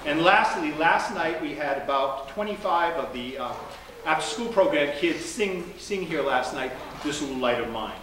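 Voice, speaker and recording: A man's voice: a little high, expressive, moderate pace, heavy reverb, background noise. A man, the pastor, giving friendly, joking announcements and reading prayers to his congregation in church. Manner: chatty and joking between formal prayer. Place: large church sanctuary. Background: congregation murmuring.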